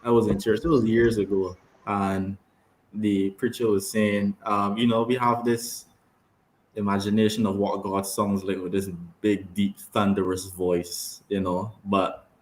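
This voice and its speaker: A man co-hosting a youth talk show, telling stories in an animated way and laughing at them. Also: on the low side, a little slow. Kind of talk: casual panel chat. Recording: roomy echo with faint noise.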